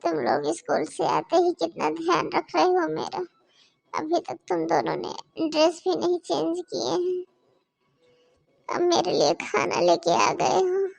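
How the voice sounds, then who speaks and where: A woman's voice: very high voice, a little slow, vocal fry, exaggerated voice. A woman voicing a sick, weary young mother in a cartoon moral story. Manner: soft, tired, resigned.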